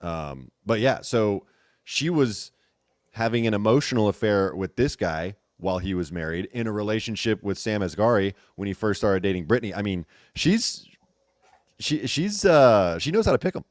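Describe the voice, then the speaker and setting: A man with a fairly low voice hosts a casual gossip show. He talks in an animated, teasing style and repeats phrases for emphasis. The sound is dry, with very little room in it. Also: normal speed, dry recording. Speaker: host. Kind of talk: casual gossip commentary chat.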